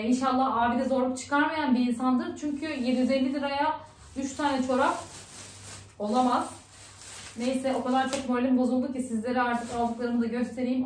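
Chatty high-voiced woman vlogging at home. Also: echoey room. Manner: chatty, upset and ranting. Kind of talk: casual vlog chat.

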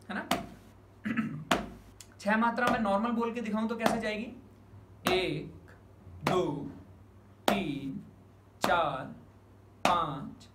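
A man's voice: high voice, fairly bright tone. A man teaching a music lesson step by step, counting beats aloud, stressing the first of each group and mixing in English words. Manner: explains in Hindi mixed with English words. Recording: echoey room with audible noise.

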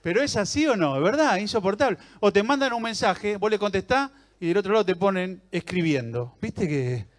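A man's voice: high voice, expressive, normal speed, hardly any pauses. A man with an Argentine accent doing live stand-up comedy on a theater stage, teasing and chatting with the audience. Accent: Argentine Rioplatense Spanish.

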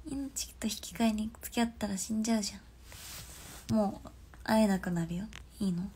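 A young woman with a stuffy nose, chatting casually on a phone livestream and often dropping into soft half-whispers. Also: mid-range voice, fairly quick, a little hiss or hum. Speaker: livestream host.

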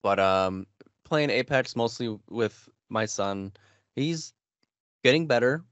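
An American man in his thirties co-hosts a podcast, chatting casually about games. His medium-pitched voice is a bit bright with lively intonation, and he takes things slowly. The recording is dry with no echo, slightly dull and band-limited.

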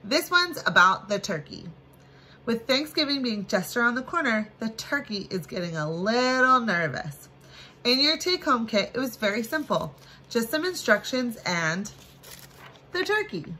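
A woman's voice: fairly high pitch, sing-song, normal speed, bright, forceful tone, slightly rough. A woman in her thirties giving a casual, upbeat craft demonstration for children, recorded on a phone in a small room. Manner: upbeat, addressing children as friends, with playful reveals. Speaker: children's library craft presenter. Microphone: phone at arm's length.

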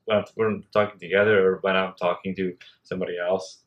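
A man's voice: deep voice, flat delivery, fast, highs cut off. A young man hosting a casual interview, speaking with a stutter, with blocks and repeated words. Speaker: host.

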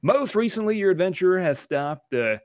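A man's voice: sits high, sing-song, fairly quick, darkish tone. A man co-hosting a casual gaming podcast on a call, joking and swearing, reading lore aloud with mock drama. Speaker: podcast co-host.

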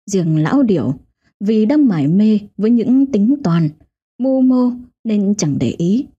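Mellow, husky woman telling a ghost story. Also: mid-range voice, expressive, measured pace. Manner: dramatic storytelling. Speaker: storyteller host. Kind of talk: scripted ghost story narration. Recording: dull lo-fi audio with faint music.

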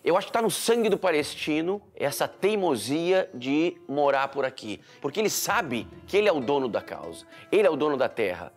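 A man's voice: fairly high pitch, big pitch swings, a little fast, hardly any pauses, faint music behind. A Brazilian man in his fifties speaking earnestly about family and homeland in a documentary interview at home. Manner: earnest and heartfelt. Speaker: entrepreneur and law student. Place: living room at home, indoors.

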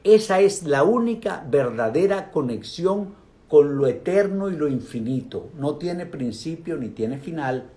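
An older man gives a casual, animated talk on meditation, speaking directly to his viewers. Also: fairly high pitch, unhurried. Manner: animated, speaks directly to viewers, asides and vocal sound effects.

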